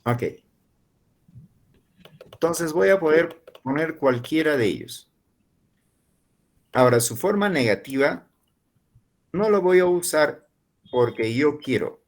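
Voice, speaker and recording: Slow-spoken man teaching English. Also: fairly high pitch, animated. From Peru. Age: 40s. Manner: slow, drawn-out model phrases, repeating words for learners. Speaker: university English professor. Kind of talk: online class teaching English to Spanish speakers.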